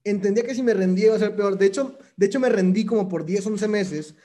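A man's voice: sits high, fast talker, mellow. A young Mexican man with a Mexican accent giving a motivational talk, casual and slangy, hammering points home by repeating them. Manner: casual, slangy, emphatic with repetition. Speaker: motivational speaker. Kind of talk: motivational monologue.

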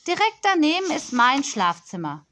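A woman's voice: high-pitched, big pitch swings, moderate pace, a bit bright, voice pushed up. A woman voicing a spoiled, bossy ten-year-old girl who talks in a prim, demanding way.

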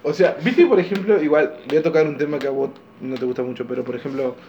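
A young man with a Rioplatense Spanish accent co-hosts a casual podcast chat, joking around, laughing often and playfully exaggerating. His voice is a little high, fast and warm, and the sound is lo-fi.

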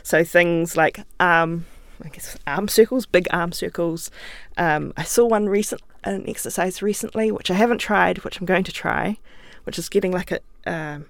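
Gravelly New Zealand woman, chatty guest. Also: fairly low pitch, moderate pace, dry recording, clean studio sound. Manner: chatty, laughs often, thinks aloud. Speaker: guest writer. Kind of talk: relaxed interview talk. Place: recording studio.

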